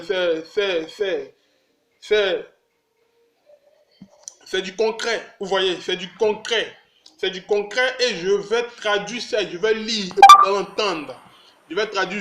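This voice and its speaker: A man's voice: high voice, fairly bright tone. A man hosting his own channel, talking casually and emphatically to his viewers, repeating himself and calling them his brothers. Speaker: channel host. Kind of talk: casual direct-to-camera vlog. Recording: echoey room.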